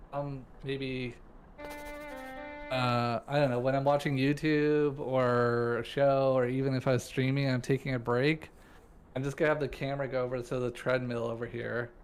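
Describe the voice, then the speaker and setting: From his streaming room at home, a man chats casually with a friend on a live stream, joking around and swearing freely. His mid-range voice is smooth and steady, and he doesn't rush.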